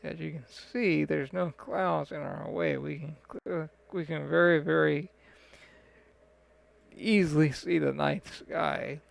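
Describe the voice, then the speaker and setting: A man's voice: a little high, gravelly, poor audio. A man giving casual, rambling live-stream commentary on a flight sim, full of fillers and restarts.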